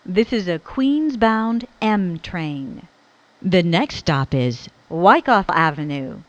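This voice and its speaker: A woman's voice: on the low side, sing-song. Woman's spliced-together train announcements. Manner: measured, evenly spaced phrasing. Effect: spliced-together recorded phrases, station names joined in. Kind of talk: prerecorded transit announcements. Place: inside a subway train car. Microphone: recorded announcement played over the train PA. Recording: dull lo-fi onboard speaker.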